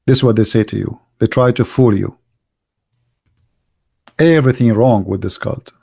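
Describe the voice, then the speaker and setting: The middle-aged host of a live religious debate podcast talks at a moderate pace in a lowish, steady voice that's creaky, mellow and slightly rough. His manner is sarcastic and mocking, and his English is heavily accented and broken.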